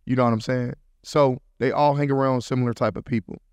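A man's voice: medium pitch, fairly even intonation, fairly quick, a little mellow, smooth, dry recording. A man hosting a podcast, giving a casual motivational talk in slangy, repetitive, preachy phrasing, and acting out quotes now and then. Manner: preachy, repeats points, slangy, acts out quotes. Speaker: podcast host.

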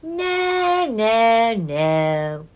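A woman voicing a small little pig in a storybook, with a high, squeaky, pleading voice. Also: sing-song, very slow, heavily acted. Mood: defiant.

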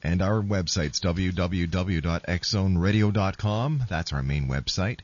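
A man's voice: sits low, unhurried, a little mellow, dry recording. A man hosting a radio talk show, announcing details to listeners in a live introduction. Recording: dry, dull lo-fi radio broadcast.

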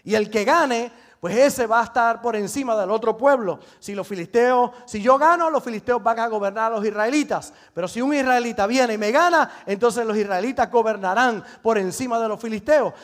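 A man's voice: very high-pitched, fairly quick, few pauses. A man voicing a boastful giant warrior who taunts his enemies, told within a sermon story. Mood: taunting.

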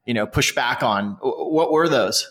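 A man's voice: medium pitch, moderate pace, a bit bright. A man hosting an interview, asking conversational, probing follow-up questions. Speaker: podcast host, interviewer.

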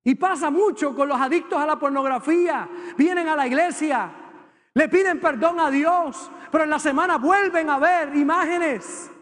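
A man preaches from the pulpit, his voice set very high for a man. His words ring out with a long church-hall reverb. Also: moderate pace, a bit bright. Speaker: pastor. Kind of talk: sermon. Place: church sanctuary with congregation.

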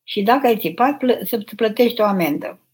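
Gentle, husky older woman counseling. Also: a little high, lively intonation. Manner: gentle, motherly, unhurried, addresses listeners tenderly. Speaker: abbess answering viewers' questions. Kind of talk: live spiritual Q&A, reading and answering questions. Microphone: live stream microphone.

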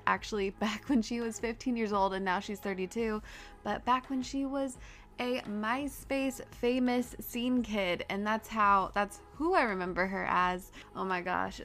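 A woman's voice: mid-range voice, fairly bright tone. A woman hosting a podcast in a casual, chatty way, with a stuffy nose from a cold. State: getting over a cold, stuffy. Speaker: podcast host. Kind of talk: scripted-feeling podcast intro, casual chat.

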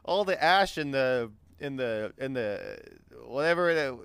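Male game master: informal, amused, halting improviser with a clean voice and dry recording. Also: mid-range voice, lively intonation, vocal fry, fairly bright tone, clean tone, dry recording. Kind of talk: improvised tabletop game narration.

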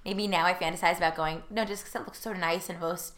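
A chatty woman co-hosting a casual talk show. She rambles in quick bursts packed with fillers, and her voice is bright and sits a little low. She sounds loose and conversational throughout. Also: steady tone. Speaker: podcast co-host. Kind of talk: casual chat.

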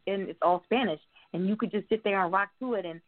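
Over a narrow, phone-like line, a woman hosts a casual interview, chatty and playful and laughing often as she puts her questions. Her voice is medium in pitch and her pace is quick.

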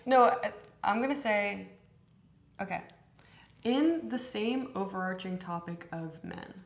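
Give me a relaxed young woman podcast co-host with a gravelly low voice in a roomy, echoey space. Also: a little slow. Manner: relaxed, explains slang terms. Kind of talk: casual chat.

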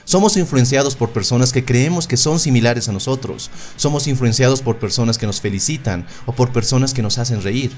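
A man of middle pitch coaches the listener through numbered tips, in a steady instructive monologue that speaks straight to them. Faint guitar music plays quietly underneath. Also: a little fast, few pauses. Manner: instructive, numbered points, direct address. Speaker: dating coach. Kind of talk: scripted advice monologue. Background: soft guitar music.

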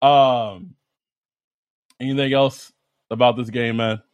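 A man's voice: mid-range voice, fairly even intonation, slow, smooth, dry recording, muffled recording. A man hosting a sports podcast in casual, slangy fan banter, swearing freely and repeating phrases for emphasis.

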